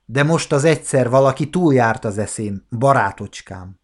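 A man voicing a teasing, sarcastic young wife in a storybook reading, with a mocking, drawn-out delivery. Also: mid-range voice, expressive, natural voice. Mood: triumphant.

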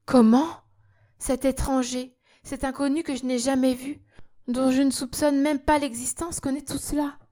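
A woman's voice: flat delivery, normal speed, dark tone, natural voice. A woman voicing an astonished young woman who cries out in disbelief in a classic novel audiobook. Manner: exclaiming in high, rising disbelief.

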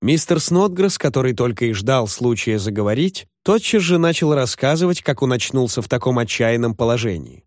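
A man reading a classic novel aloud as an expressive audiobook narrator. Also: medium pitch, brisk, hardly any pauses, no room sound. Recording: dry close audiobook recording.

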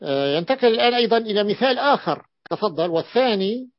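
A man's voice: sits high, expressive, fast, dry recording. A male sheikh teaching a grammar lesson to students, repeating and drawing out words to stress them. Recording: dull lo-fi dry recording.

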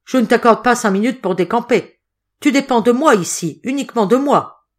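A snarling, merciless innkeeper from a storybook, voiced by a woman reader. He barks orders in a raised, hard voice through clenched teeth. The delivery is commanding and loud. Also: on the high side, very animated, moderate pace, pitched above the performer's own voice. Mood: harsh. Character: cruel scheming male innkeeper, furious.

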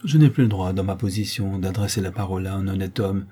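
A man's voice: sits low, fast, warm tone, husky. A man doing a trembling ex-convict pleading. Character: timid trembling male ex-convict begging.

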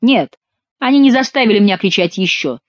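A woman's voice: medium pitch, lively intonation, fairly quick, dry recording, dull audio, voice pushed up, close to an everyday voice. A woman voicing a hot-tempered young male courtier who curses angrily. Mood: furious. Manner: angry, cursing.

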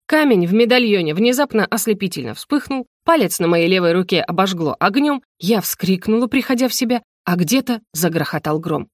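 Woman reading a fantasy novel aloud, lively and a bit ironic, dry close audio. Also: medium pitch, fairly quick, few pauses, no room sound. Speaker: audiobook narrator. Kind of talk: first-person novel reading.

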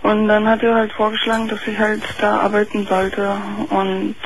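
A woman's voice: medium pitch, flat delivery, moderate pace. A woman in her twenties calling in to a radio talk show over the telephone. She speaks hesitantly, with many fillers. Her voice comes through faint and thin. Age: 20s. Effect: faint, thin phone-line sound. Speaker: caller. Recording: muffled phone line with faint hiss.

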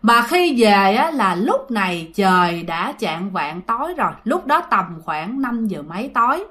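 Speaking at a measured pace, a woman with a Southern Vietnamese accent relates a ghost story, chatting directly with her audience. Her medium-pitched voice is sing-song and fairly bright.

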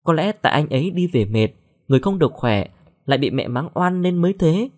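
A man voicing a gentle, heartbroken young woman in an audio story, pleading through tears. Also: on the high side, lively intonation, a little fast, pitched above the performer's own voice. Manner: pleading, tearful.

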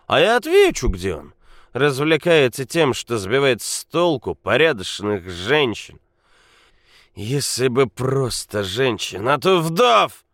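Drunk blustering mine boss, slurring and loud, voice jumping high , as a male narrator puts him on. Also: expressive, fairly quick, dry recording, clean studio sound, natural voice. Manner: slurring, shouting, swaggering. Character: drunk boastful male quarry owner, loud and unruly.

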